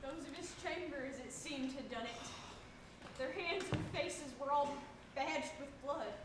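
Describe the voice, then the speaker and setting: Earnest young noble , female actor, high voice, declamatory stage Shakespeare, echoing and noisy. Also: a little slow. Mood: grim reporting. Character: earnest young noble reporting dark omens. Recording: echoey theatre, distant microphone, clear noise.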